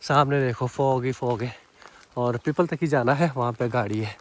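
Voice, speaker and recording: Young man, casual vlog chatter, easygoing, outdoors in rain, mid pitch, light background noise. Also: moderate pace. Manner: easygoing, chatty, teasing with family. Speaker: vlogger. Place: outdoors in hills and in a car, rain.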